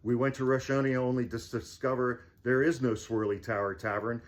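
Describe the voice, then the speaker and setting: A man's voice: mid-range voice, little pitch movement, a little fast, lightly acted. A man voicing an earnest, self-important wizard investigator in a theatrical, declaiming way, as part of fireside storytelling. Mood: earnest, insistent.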